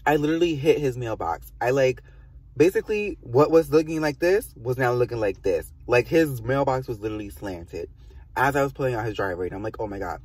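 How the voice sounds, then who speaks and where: A man's voice: medium pitch, a little mellow, slightly rough, recorded from a distance. A man telling a storytime to his viewers in a casual, rambling and profane way, full of fillers and asides. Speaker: vlogger.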